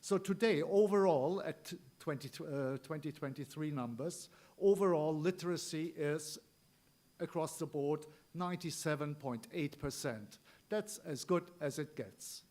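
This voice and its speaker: A man from Turkey with a Turkish accent gives an informal political speech, halting at times and repeating key points for emphasis. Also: fairly high pitch, a little mellow. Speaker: rally speaker.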